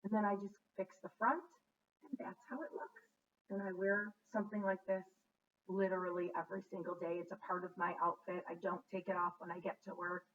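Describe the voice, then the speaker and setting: A woman's voice: on the low side, little pitch movement, a little fast, a bit bright. A middle-aged woman who hosts a knitting podcast, chatting casually and rambling as she shows her things, often correcting herself mid-word. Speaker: knitting podcast host and teacher. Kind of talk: casual show-and-tell chat. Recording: distant, dull sound with faint background noise.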